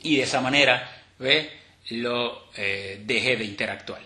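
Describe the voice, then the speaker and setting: A man teaching a step-by-step tutorial in a relaxed, explanatory way, with fillers and restarts. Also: medium pitch, measured pace. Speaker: instructor demonstrating a screen reader. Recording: roomy echo.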